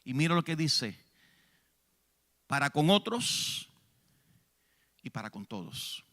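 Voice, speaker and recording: A man with a Puerto Rican accent preaching a church sermon, swinging between hushed lines and shouted ones. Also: fairly high pitch, big pitch swings, takes it slowly. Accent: Puerto Rican Spanish. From Puerto Rico. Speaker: evangelist preacher. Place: church sanctuary.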